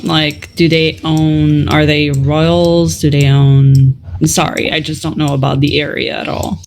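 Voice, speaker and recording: Low-voiced woman questioning in character. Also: little pitch movement, a little slow, darkish tone. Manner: curious, questioning. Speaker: player. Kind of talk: in-character tabletop play.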